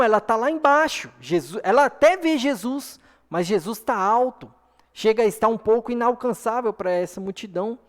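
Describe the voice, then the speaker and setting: A man's voice: high-pitched, darkish tone. A man with a Brazilian accent preaching an earnest sermon to a congregation, often asking for an "amen". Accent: Brazilian Portuguese. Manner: earnest, repeats "amém?" to the congregation. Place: church hall. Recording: long hall reverb.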